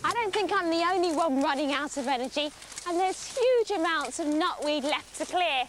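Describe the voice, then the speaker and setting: High, animated young woman presenter. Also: moderate pace, slight background noise. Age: young adult. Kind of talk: scripted children's science presenting on location. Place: outdoors in overgrown greenery.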